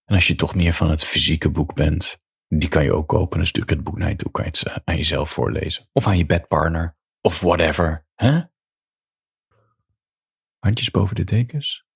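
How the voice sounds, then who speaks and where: A man softly reading his own short story aloud as a slow bedtime tale, close to the mic. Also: steady tone, no room sound. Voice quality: deep gravelly voice. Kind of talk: intimate storytelling narration.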